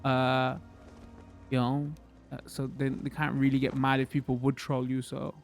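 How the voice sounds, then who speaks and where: Male gamer, casual play-along commentary, mid-pitched, hesitant thinking aloud, faint music behind. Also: completely flat delivery, normal speed, creaky. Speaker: gaming video host.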